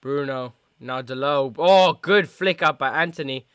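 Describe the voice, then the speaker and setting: A man hosting a live football watchalong, who jumps from shouted play-by-play to low mumbled asides. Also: measured pace, smooth, no room sound, clean studio sound. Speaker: host of a football watchalong stream.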